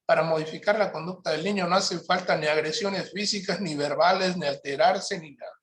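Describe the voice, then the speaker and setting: A man with a somewhat high voice gives a parenting workshop. He explains each point in a calm, instructive tone. He often pauses to check in with his audience. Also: a little hiss or hum. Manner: checks in with listeners by asking "¿Sí?".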